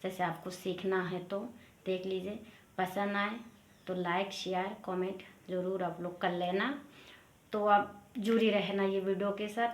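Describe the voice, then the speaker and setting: A woman from Assam giving a casual spoken language lesson, explaining each phrase and repeating it slowly. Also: mid-range voice, level tone. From Assam, India. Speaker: language teacher. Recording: roomy echo.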